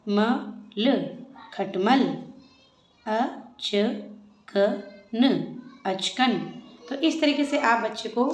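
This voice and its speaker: A young woman gives a patient, unhurried lesson. She sounds out each word syllable by syllable, then joins the sounds into the whole word. Her voice rings in an echoey room. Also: medium pitch. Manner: spells words out syllable by syllable, then blends them. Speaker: teacher. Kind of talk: slow classroom lesson.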